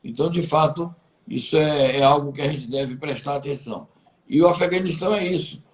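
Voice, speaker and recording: A man, speaking as an interview guest in a measured, deliberate way with hesitant restarts. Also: on the high side, poor audio. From Bahia, Brazil. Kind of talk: political commentary interview.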